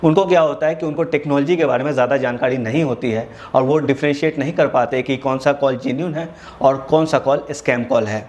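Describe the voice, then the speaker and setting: Speaking quickly in a medium-pitched, slightly mellow voice, an Indian-accented man presents a tech lesson. He explains things one step at a time and slips English terms into his tutorial narration.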